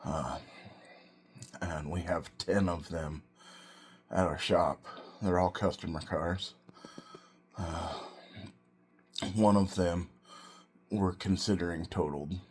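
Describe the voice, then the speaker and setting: A man talking casually and reflectively in a solo vlog, in short, halting phrases. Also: deep voice, fairly even intonation, darkish tone. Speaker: vlogger and self-employed car restorer.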